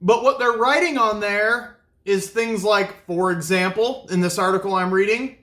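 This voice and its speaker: Bright-voiced upbeat male vlog host. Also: high-pitched, moderate pace. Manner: upbeat, chatty, talks to viewers while snacking. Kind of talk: casual vlog chat. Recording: echoey room.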